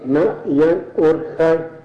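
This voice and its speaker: Slow, halting man answering questions. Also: a little high, steady tone. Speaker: language informant. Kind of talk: elicitation interview. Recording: echoey, dull old field recording with faint hiss.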